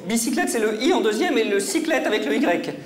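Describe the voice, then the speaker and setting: On stage before a live audience, a mentalist comedian runs a mind-reading act with volunteers, teasing them in mock-serious patter that often stumbles and restarts. The voice is medium-pitched, sing-song and brisk. The hall is echoey, with a faint crowd in the background.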